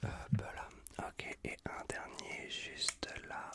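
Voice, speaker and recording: This slow, unhurried ASMR whisper comes from a man from France's Bordeaux region with a French accent, speaking breathily into a nearby Blue Yeti. He plays a caring survivor tending a hurt stranger, keeping the tone casual and reassuring.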